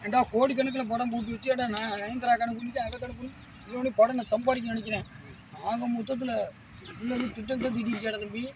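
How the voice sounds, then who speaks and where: A high-pitched, irritable man, played by an actor, scolds and berates his slow-witted helper. He sounds exasperated and talks down to him. The recording is made outdoors, with rural noise clearly audible behind him. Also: level tone. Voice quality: scolding, exasperated elder-brother manner. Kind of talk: web series comedy acting.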